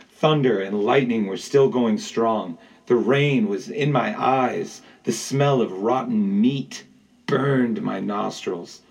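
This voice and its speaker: A man narrating a first-person adventure story aloud in a measured, dramatic way. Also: medium pitch, gravelly, breathy edge, far from the mic, low-quality recording. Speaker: audiobook narrator. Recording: voice set back from the mic.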